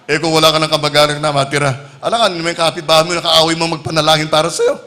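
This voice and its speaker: A man's voice: fairly high pitch, level tone, fast talker, bright, forceful tone. A man preaching a sermon who keeps addressing his listeners as beloved and mixes in English phrases. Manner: calls the listeners "minamahal ko" (beloved) over and over.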